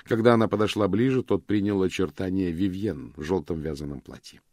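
Male narrator, lowish voice, dry close recording, measured storytelling. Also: a little mellow, dry recording. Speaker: audiobook narrator. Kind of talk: scripted narration.

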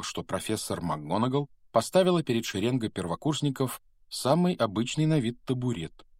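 Low-voiced male audiobook narrator. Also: slightly rough, no echo, clean studio sound. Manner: measured storytelling. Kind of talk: scripted narration.

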